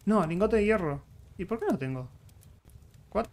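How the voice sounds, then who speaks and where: A man's voice: high-pitched, expressive, normal speed, noisy background. A man with a Rioplatense Spanish accent, chatty let's-play commentary as he thinks aloud through crafting and fights. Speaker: gaming YouTuber.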